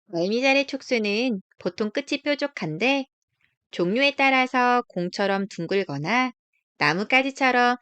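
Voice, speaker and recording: In a high, very animated voice, a woman reads a picture book aloud for young children, explaining things gently like a storyteller. Her tone is clean and smooth, her pace measured, with no room sound.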